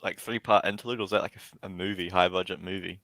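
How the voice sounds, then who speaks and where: Low-voiced New Zealand man, dry sound. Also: fast, no room sound. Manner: animated storytelling, laughs easily. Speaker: co-host. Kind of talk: casual livestream chat.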